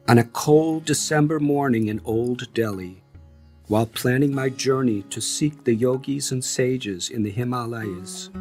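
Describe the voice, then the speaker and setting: A man narrating a memoir audiobook in a measured, reflective way. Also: medium pitch, a little mellow. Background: faint guitar music.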